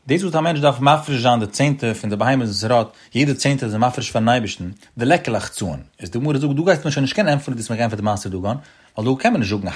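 Husky man teaching in a study chant. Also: mid-range voice. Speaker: Talmud teacher. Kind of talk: Talmud study lesson.

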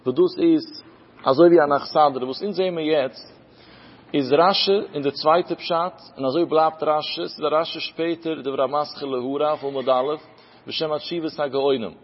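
A man's voice: on the high side, steady tone, moderate pace. A man giving a Talmud lecture, explaining step by step and asking and answering his own questions. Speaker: Talmud teacher. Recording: lo-fi recording with long hall reverb.

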